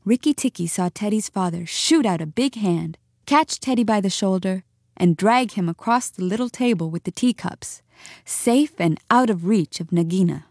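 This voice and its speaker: A woman narrating a storybook in an expressive, measured reading. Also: mid-range voice, dry recording, studio quality.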